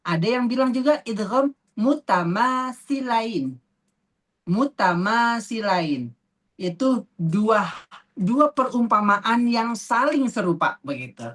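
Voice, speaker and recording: A woman teaching a tajwid class, patiently asking students questions and repeating terms slowly. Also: a little high, lively intonation, fairly bright tone. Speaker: Quran recitation teacher.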